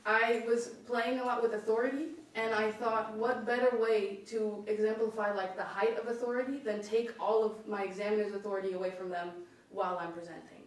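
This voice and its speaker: A woman's voice: medium pitch, steady tone, a little fast. A young woman, an art student, answering questions at an exam in a loose, rambling, self-deprecating way. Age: young adult. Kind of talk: casual exam Q&A. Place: echoey school exam room. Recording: echoey room, mic from far off.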